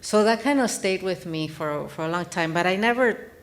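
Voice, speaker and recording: Speaking at a normal pace in a lowish voice, this native Spanish speaker from Mexico takes part in a live panel discussion as an invited author. She comes across as earnest and reflective, often restarting her sentences.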